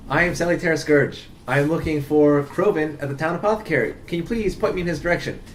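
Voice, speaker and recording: A man's voice: fairly high pitch, fast talker, slight background noise, pitched above the performer's own voice, close to an everyday voice. A man voicing a formal, overly polite male spellcaster adventurer in a tabletop game, speaking with grand courtesy. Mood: courteous.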